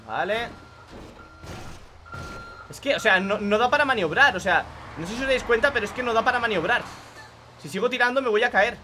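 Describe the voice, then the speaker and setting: A man's voice: extremely high pitch, fairly quick, long pauses, bright, forceful tone, a little hiss or hum. A young man with a Spain Spanish accent, commenting live on his gameplay for viewers, exasperated and swearing often. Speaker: gaming youtuber.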